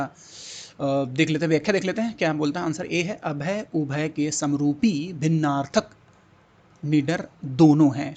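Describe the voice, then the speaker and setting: A man's voice: a little high, vocal fry, a little mellow. A man teaching a Hindi exam-prep lesson, repeating words and coaxing students to think and answer. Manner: repetitive, coaxing questions to students.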